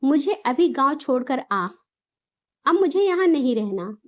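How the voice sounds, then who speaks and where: Woman doing a scolding older mother-in-law, stubborn, high voice, unhurried, slightly muffled lo-fi sound. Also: sing-song. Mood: angry, stubborn. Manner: sharp, scolding, insistent.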